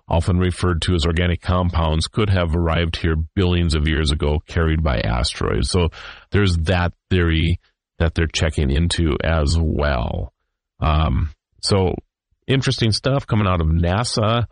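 Very deep-voiced man hosting talk radio. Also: no room sound. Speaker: radio show host. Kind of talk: radio talk, part read, part ad-libbed.

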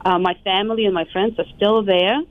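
A woman in her thirties from Ukraine, speaking with a Ukrainian accent, who calls in as a radio guest and talks softly and hesitantly with many fillers. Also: mid-range voice, fairly even intonation, a little fast, no room sound. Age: 30s. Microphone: phone. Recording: dry, tinny phone line.

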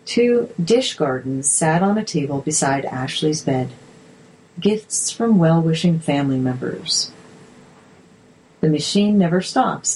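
A woman narrator reading articles aloud in a measured, steady way. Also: low voice, a little hiss or hum, poor audio.

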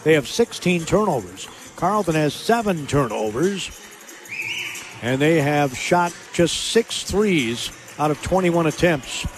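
Excited high-voiced basketball radio announcer. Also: male voice, music in the background. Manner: rapid excited calling, shouting on big plays. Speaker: play-by-play announcer. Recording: radio broadcast.

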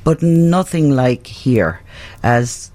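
A woman's voice: very deep voice, animated, very slow, mellow. A middle-aged woman with a west of Ireland accent, talking casually as a guest in a radio interview. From Galway, Ireland. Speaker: guest, pub and restaurant owner.

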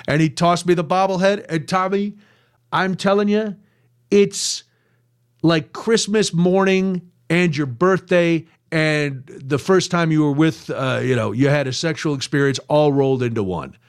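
Older man, radio host, self-mocking storyteller, casual chat, pitch a bit high. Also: measured pace, smooth.

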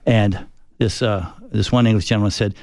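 An older man, a retired Air Force fighter pilot, telling stories in an interview with a reflective, halting manner full of restarts. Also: on the low side, fairly even intonation, a little mellow, no room sound, clean studio sound. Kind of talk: conversational interview storytelling.

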